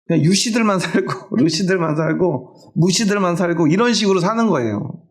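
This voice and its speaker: A man's voice: high-pitched, animated, normal speed. A middle-aged male pastor preaching a sermon in a conversational way, often asking the congregation questions.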